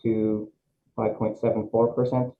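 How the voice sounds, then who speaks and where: A man testifying as an assessor at a review board over a video call, halting, with many fillers and restarts. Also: fairly low pitch, level tone, vocal fry. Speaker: city assessor presenting at a hearing. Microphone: remote video call, microphone held close. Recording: tinny video-call audio with faint hiss.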